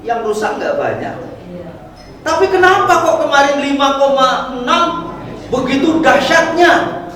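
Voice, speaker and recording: A man's voice: extremely high pitch, big pitch swings, unhurried, pushed and bright. A man preaching a dawn sermon in a mosque, explaining terms and putting questions to the congregation. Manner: explanatory, asks the audience questions. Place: mosque prayer hall. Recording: echoey hall from far off.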